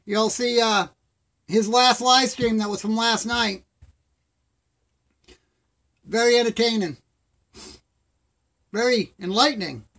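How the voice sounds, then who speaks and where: A man's voice: extremely high pitch, slow pace, pauses often, a bit bright. A man with toothless, slightly slurred speech, lips over gums, hosting a casual live stream in a rambling, friendly way. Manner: rambling, friendly, addresses viewers as buddy.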